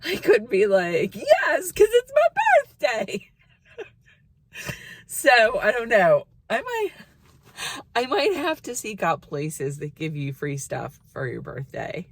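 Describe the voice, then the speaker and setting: A woman in her fifties chatting excitedly to camera in a casual vlog, with squeals and laughs. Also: a little high, slow, dry recording. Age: 50s. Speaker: vlogger.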